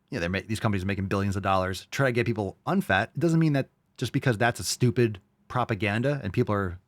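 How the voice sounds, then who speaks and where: A man's voice: lowish voice, no echo. A man giving off-the-cuff reaction commentary in a smug, sarcastic, mocking way, blunt and sweary. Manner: blunt, profane.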